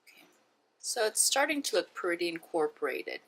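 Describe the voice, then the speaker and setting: A woman's voice: lowish voice, sing-song, normal speed, fairly bright tone, low-quality recording. A woman hosting a cooking video, talking to viewers in a chatty, informal, step-by-step way. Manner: chatty, informal, addresses viewers as guys and friends. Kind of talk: casual cooking demonstration to camera.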